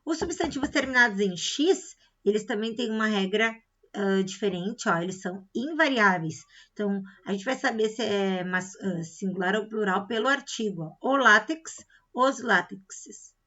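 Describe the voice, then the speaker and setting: A woman's voice: mid-range voice, expressive, normal speed, pushed and bright. A woman with a Brazilian Portuguese accent teaching a recorded grammar lesson, explaining step by step and checking in with frequent "tá?" and "né?". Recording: slightly dull lo-fi sound.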